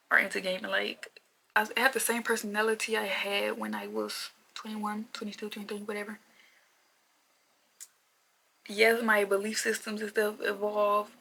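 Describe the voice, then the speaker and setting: Young woman vlogger in her twenties, casual rambling rant, bright gravelly fry, flat delivery. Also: medium pitch, moderate pace, low-quality recording. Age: 20s. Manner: chatty, repetitive, lots of "like" fillers.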